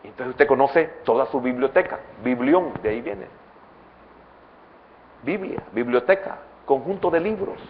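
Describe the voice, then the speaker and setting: A man from El Salvador with a Salvadoran accent, a pastor preaching a sermon in church, swinging between loud emphatic bursts and soft low asides. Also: lively intonation, unhurried, narrow, tinny audio, a little hiss or hum. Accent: Salvadoran Spanish.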